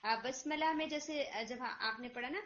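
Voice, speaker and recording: A woman teaching Quran recitation online, gently correcting a student's pronunciation and modeling the sounds slowly. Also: high-pitched. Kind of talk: online tajweed feedback. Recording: lo-fi online call audio.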